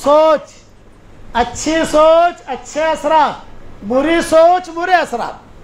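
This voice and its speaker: A male preacher with a notably high voice delivers a storytelling sermon, speaking plainly and circling back to repeat his key phrases. The sound is roomy and echoing, with faint traffic noise underneath. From India.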